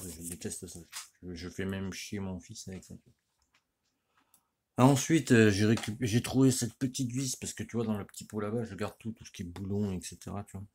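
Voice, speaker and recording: A man's voice: low voice, a little mellow, a little hiss or hum. A middle-aged man talking casually while he works on an engine in his workshop, rambling and slangy, tagging nearly every phrase with a "you see". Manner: rambling and slangy, saying "tu vois" constantly. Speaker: motorcycle mechanic. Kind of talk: casual workshop how-to talk. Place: home workshop or garage.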